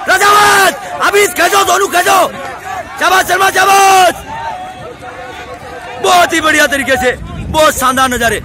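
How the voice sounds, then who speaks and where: A man with a very high, strained voice yells encouragement to runners at an outdoor track. His words come slowly and get drawn out, and he calls out times one after another. A crowd and passing vehicles are clearly audible in the background. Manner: shouts names and cheers, calls out split times. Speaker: running coach. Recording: crowd and traffic noise outdoors.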